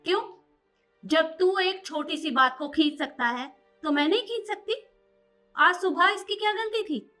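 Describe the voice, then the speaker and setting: A woman's voice: extremely high pitch, a little slow, sharp tone, faint music behind, heavily acted. A woman playing a stern mother who scolds her son and lectures him in defence of her daughter-in-law. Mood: angry. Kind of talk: short family drama acting.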